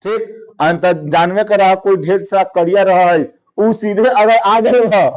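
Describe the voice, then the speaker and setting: A man's voice: sits high, measured pace, a little mellow. A young male teacher. He talks his students through a story casually, circling back and rephrasing each point. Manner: conversational, repeats and rephrases often. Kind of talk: explaining a Hindi story to students.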